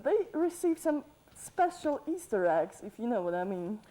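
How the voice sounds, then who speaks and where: A woman playing a cheerful, cheeky Easter Bunny in a student TV sketch interview, relaxed and plain-spoken with hesitant fillers. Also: on the high side, normal speed, low-quality recording. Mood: casual. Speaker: interview guest.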